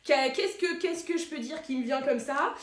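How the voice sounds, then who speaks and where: A woman's voice: sits high, normal speed, slight background noise, natural voice. Woman playing a bitter tipsy wedding guest. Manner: passive-aggressive, rambling, tipsy. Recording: echoey room.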